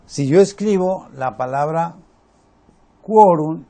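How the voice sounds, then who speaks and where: A man teaching a spelling lesson, slow and deliberate, repeating his examples. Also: a little high, animated, vocal fry, dark tone.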